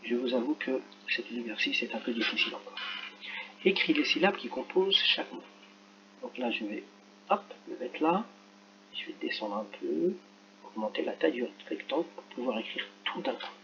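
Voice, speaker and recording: A man talks children through a phonics correction, slow and careful, sounding out each letter. His voice sits at an ordinary pitch. The recording is a little dull, with a faint hum underneath. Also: expressive, creaky. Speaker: teacher. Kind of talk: screen-recorded lesson correction.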